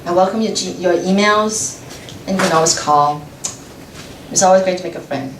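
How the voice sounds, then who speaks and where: A radio journalist visits a class as a guest speaker in a lecture room, answering audience questions in a chatty, casual way, laughing often and restarting sentences. Her voice is lowish at a moderate pace, recorded from far off in an echoey room with faint noise.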